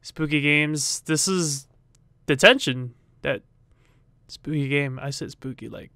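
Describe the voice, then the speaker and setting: A man's voice: on the high side, slow, sharp tone, clear, resonant tone, no echo, studio quality. A man hosting a horror game playthrough in jumpy, self-mocking, swearing chatter. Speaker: gaming video host. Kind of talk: casual horror game let's play. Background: faint game music.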